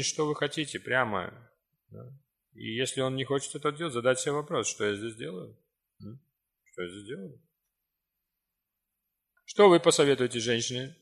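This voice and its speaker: A man's voice: mid-range voice, gravelly, a bit bright, breathy edge. Ironic middle-aged man lecturing a seminar. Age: 40s. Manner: ironic, teasing, conversational. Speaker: seminar lecturer answering audience notes. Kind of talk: live seminar Q&A talk.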